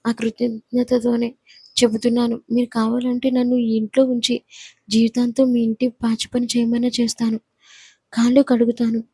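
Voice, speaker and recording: A woman's voice: on the high side, monotone, normal speed, creaky, mellow, husky, no room sound. Woman doing a desperate young bride. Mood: pleading.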